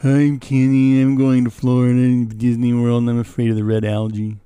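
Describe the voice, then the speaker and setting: A man doing an impression of an anxious adult male friend, with slow, emphatic mimicry. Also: mid-range voice, completely flat delivery, mellow, clear, resonant tone, lightly acted. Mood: mocking.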